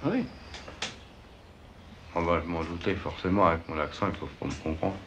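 A muttering French soldier. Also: male voice, low-pitched, moderate pace, lo-fi sound, a little hiss or hum. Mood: wry. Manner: grumbling asides to himself. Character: baffled French soldier muttering wry asides. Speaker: French soldier in a film comedy.

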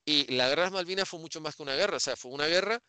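A man's voice: a little high, rapid-fire, pushed and bright, clear, resonant tone, no room sound. A middle-aged man from Spain interviewing a guest over a video call on a headset, talking thoughtfully with many restarts. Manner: thoughtful, trailing restarts and hesitations. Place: home room with bookshelves.

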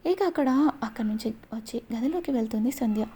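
Woman storyteller, scripted narration, gentle, slightly high voice, mellow tone. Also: expressive, fast, slightly rough.

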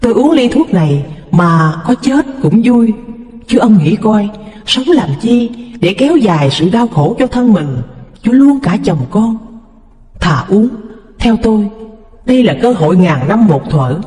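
A man voicing a frail, devout sick wife who speaks in a soft, pleading storybook voice. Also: sits high, sing-song, a little slow. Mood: hopeful, devout. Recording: echoey, reverberant room.

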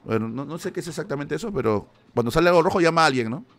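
A man's voice: a little high, expressive, racing, a bit bright. A man from Peru with a Peruvian Spanish accent, commentating a live stream as he thinks aloud and yelps when things go his way.

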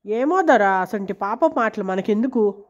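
A woman's voice: mid-range voice, lively intonation, moderate pace, lightly acted. A woman reading the lines of a humble, deferential male servant weighed down by guilt. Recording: dull lo-fi recording.

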